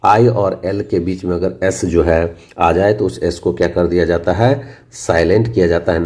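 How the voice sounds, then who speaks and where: A middle-aged man teaching a spoken English lesson, explaining slowly and repeating each point, asking and answering his own questions. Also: deep voice, darkish tone.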